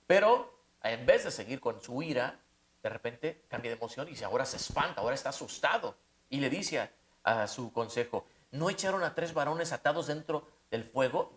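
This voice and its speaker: A man's voice: medium pitch, a bit bright. A man preaching a conversational Bible-study sermon, often putting rhetorical questions to the listener.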